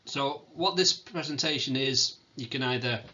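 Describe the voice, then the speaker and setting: A man's voice: mid-range voice, moderate pace, muffled recording. Hesitant male teacher. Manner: hesitant, many ums, calls himself monotone. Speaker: sixth form teacher. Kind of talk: recorded farewell presentation.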